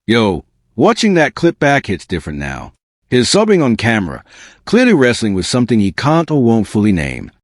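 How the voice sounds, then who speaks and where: A man's voice: mid-range voice, wildly swooping pitch, moderate pace, no room sound, studio quality. A man delivering scripted celebrity exposé commentary as an online host, in a slangy, incredulous, smug and sarcastic manner.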